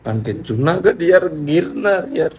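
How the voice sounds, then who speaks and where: A man's voice: on the high side, expressive, normal speed, a little mellow, a little hiss or hum. A young man from Gujarat, chatting casually to viewers in a home vlog and pleading playfully with his mother. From Gujarat, India. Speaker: vlogger. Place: family home, rooftop.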